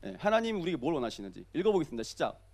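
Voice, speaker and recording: Fast, lively high-voiced male pastor. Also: vocal fry. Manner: lively, jokey preaching with questions to the congregation. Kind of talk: early-morning sermon.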